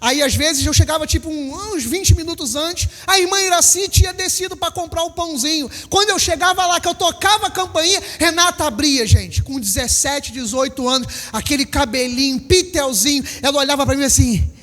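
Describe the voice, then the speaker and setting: Emphatic high-voiced preacher in his fifties. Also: fairly quick, few pauses, fairly bright tone, long reverb tail. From Brazil. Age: 50s. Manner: emphatic, repeats lines, acts out little scenes. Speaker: pastor. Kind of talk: sermon. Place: church hall.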